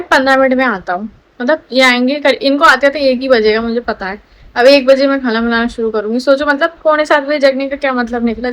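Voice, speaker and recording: Young woman, high-pitched, casual home vlog, chatty, confiding. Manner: chatty, confiding, baby talk. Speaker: new mother vlogger.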